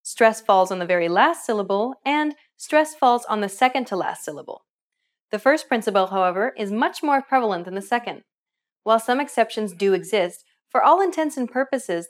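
A woman narrating a scripted language lesson in a clear, explanatory way. Her voice sits at a middle pitch, like a patient teacher reading from a script. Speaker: language course host.

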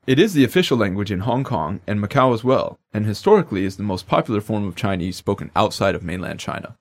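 A man's voice: lowish voice, very animated, quick pace. A man co-hosting a language lesson podcast in upbeat, jokey scripted banter.

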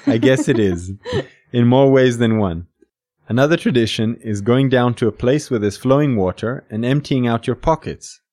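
A man's voice: medium pitch, lively intonation, normal speed, mellow. A man co-hosting a scripted podcast, explaining traditions with a light, joking manner. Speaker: podcast co-host. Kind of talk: scripted educational podcast dialogue.

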